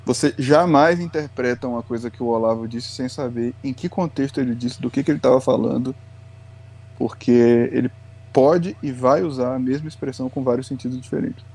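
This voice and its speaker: Mellow-voiced man explaining patiently. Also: mid-range voice, a little fast, slightly rough. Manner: patient, lecturing, often tags lines with "né". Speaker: guest educator. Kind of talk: explanatory podcast talk.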